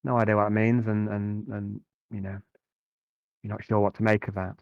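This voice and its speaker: A man narrating a tabletop game as game master, improvising in a conversational, halting way and often repeating words. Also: on the low side, flat delivery, no room sound, lo-fi sound.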